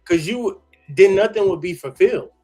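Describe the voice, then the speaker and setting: A man streaming a reaction to a clip, talking in an excited, slangy way and tagging lines with "man". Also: sits high, normal speed, faint music behind. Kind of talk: casual live reaction commentary.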